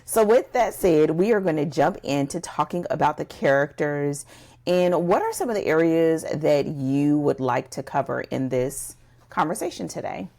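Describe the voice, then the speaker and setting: A woman's voice: deep voice, animated, moderate pace, creaky, mellow. A woman co-hosting a casual podcast, talking emphatically and addressing listeners directly. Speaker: podcast co-host.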